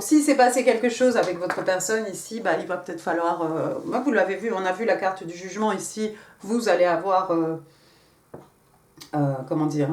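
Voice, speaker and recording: At home in England, a woman with a low-side voice gives a casual tarot reading in French, chatty and rambling, thinking aloud with many fillers and slipping in English card phrases. The sound is roomy.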